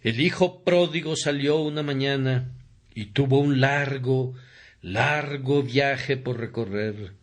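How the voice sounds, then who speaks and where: Slow, earnest male sermon reader. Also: medium pitch. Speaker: preacher. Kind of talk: read sermon, Spanish voice-over.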